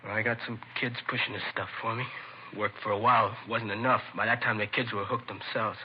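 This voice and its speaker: A reluctant confession comes from a male actor playing a streetwise teenage addict full of remorse in a 1950s radio crime drama. His pitch is fairly low, his intonation fairly even, and his slangy, halting delivery is lightly acted. The audio sounds muffled and hissy.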